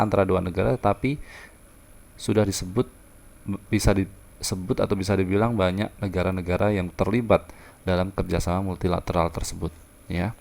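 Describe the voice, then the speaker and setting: A man's voice: sits low, gravelly, darkish tone. A man teaching a social studies lesson, explaining terms patiently and repeating himself with fillers. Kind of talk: classroom lecture.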